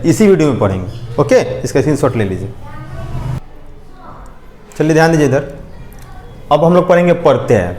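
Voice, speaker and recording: Lively high-voiced male teacher. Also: reverberant. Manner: repeats points and asks questions to check understanding. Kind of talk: classroom lecture.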